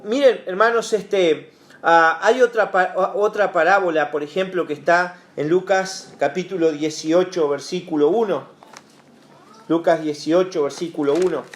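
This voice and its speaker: A pastor leads a Bible study in a church hall, talking conversationally and unhurriedly, full of fillers and rhetorical asides to his listeners. His voice is high for a man, and the room echoes clearly.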